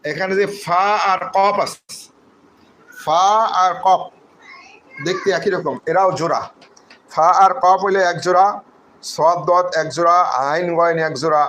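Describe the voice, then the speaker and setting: Man, patient letter drills, slightly high voice, faint background noise. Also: steady tone, measured pace, long pauses, a bit bright, low-quality recording. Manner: patient, repeats letters for listeners to say along. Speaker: Quran reading teacher. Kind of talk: slow step-by-step lesson with drilled letter names.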